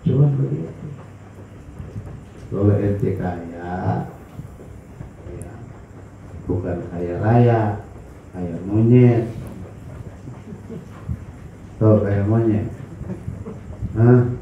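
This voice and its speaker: A man preaching at a religious study session, animated, swinging between loud cries and low mutters. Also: drawn-out words, creaky, long pauses. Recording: echoey hall, dull lo-fi sound, faint hiss.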